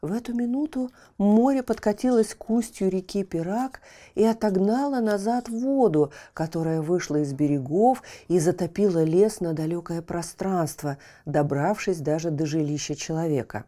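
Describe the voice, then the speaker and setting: A woman narrating a children's bedtime story in a gentle, unhurried manner, sometimes dropping into a whisper at phrase ends. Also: on the low side.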